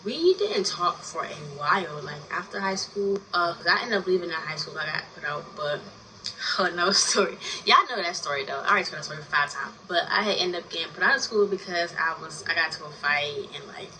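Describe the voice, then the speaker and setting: A woman's voice: on the low side, fairly quick, pushed and bright. A woman of twenty telling a personal story in a casual vlog, rambling and chatty with constant fillers and casual swearing. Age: 20s. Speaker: story time vlogger. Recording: distant mic with noisy background.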